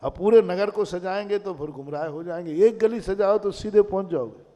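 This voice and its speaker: A man, a Jain monk, preaching with a somewhat high but mellow voice. He tells a story and keeps asking rhetorical questions. A long hall reverb trails every phrase. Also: moderate pace. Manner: storytelling, rhetorical questions, voices his own mind in dialogue. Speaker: Jain monk giving a discourse. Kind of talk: sermon.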